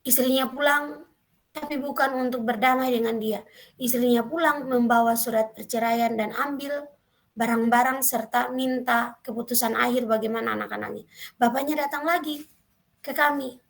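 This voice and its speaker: A middle-aged woman, preaching a devotional sermon and telling a story, quoting people in lively voices. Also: on the high side, normal speed, vocal fry.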